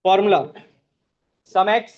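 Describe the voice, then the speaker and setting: A man with a high voice teaches a live online class in a flat delivery, often pausing to check on his students. The recording sounds dull and lo-fi.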